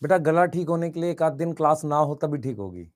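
Slightly hoarse and animated, a male biology teacher with a fairly high voice conducts a class online. Questions get asked again and again, and he pushes students to respond fast in the chat.

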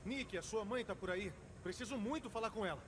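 A man's voice: high voice, brisk, background noise, close to an everyday voice. A man voicing a breezy, placating spaceship captain with a Brazilian accent in a game dub. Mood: hurried. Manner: casual, placating.

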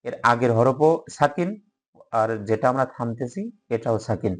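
A man teaching a Quran recitation lesson, patiently repeating each word slowly so that learners can follow along. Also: mid-range voice. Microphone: microphone.

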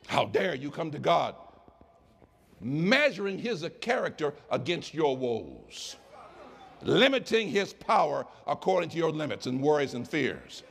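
A male pastor preaching a sermon, swinging from quiet asides to impassioned shouts. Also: on the high side, sing-song, measured pace, vocal fry, husky.

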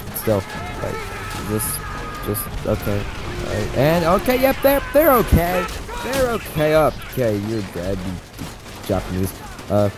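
A man commentating his own war-shooter playthrough, joking and rambling and yelling repeated taunts at enemies. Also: on the high side. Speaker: gamer playing a war shooter. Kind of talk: let's play commentary. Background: game soundtrack and gunfire.

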